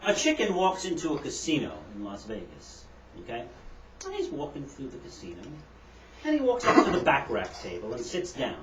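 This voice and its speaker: A man telling a joke on a talk show in an animated storytelling manner. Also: medium pitch, a little fast, a little hiss or hum. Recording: echoey room, distant mic.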